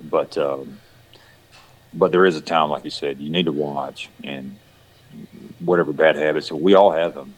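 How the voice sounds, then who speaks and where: His very deep voice holds a steady tone at a moderate pace, broken by long pauses, and the audio quality is poor. This Southern country-accented actor from Georgia, USA, is a casual podcast guest who rambles, restarts, repeats words, and keeps saying "you know."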